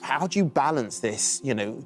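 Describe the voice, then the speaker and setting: A man's voice: medium pitch, expressive, normal speed. A British man interviewing in a conversational broadcast style.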